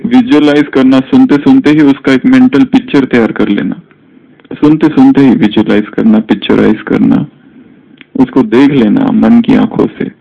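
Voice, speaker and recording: Male spiritual teacher, unhurried and gravelly, teaching a group on a dull lo-fi recording. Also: medium pitch, steady tone. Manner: slow, measured teaching with many English words mixed in.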